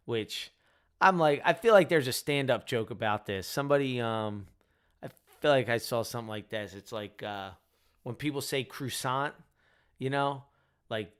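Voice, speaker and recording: A tired young man with a Delco accent from Delaware County, Pennsylvania, a rideshare driver who hosts his own channel, chats casually with live viewers. His mid-range voice is clean and fairly bright, at normal speed. He rambles, jokes, and pokes fun at himself.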